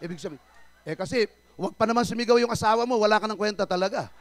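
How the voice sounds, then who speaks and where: A male pastor preaching a church sermon, firing rhetorical questions at the congregation and swinging between loud calls and quiet asides. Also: sits high, fast. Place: church service.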